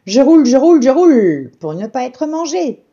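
Storybook pancake, female, proud and breathless, voiced by a woman; rushing chant, dull lo-fi recording. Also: high-pitched, big pitch swings, warm tone, breathy edge, voice pushed up, exaggerated voice. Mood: boastful.

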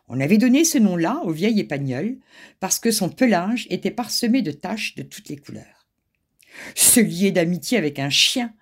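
A woman narrating a children's story in an expressive, animated way. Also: mid-range voice, breathy edge.

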